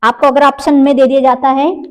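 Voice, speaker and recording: A woman teacher giving a grammar lesson, asking the class questions and answering them herself, repeating points slowly and stretching out sounds. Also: high-pitched, level tone, low-quality recording.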